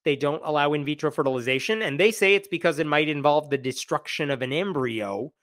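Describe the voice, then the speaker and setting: Male host in his forties, casual livestream commentary, sarcastic and animated, dry small room. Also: on the high side, a little fast, no room sound. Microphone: wired earbuds with dangling mic and desk mic.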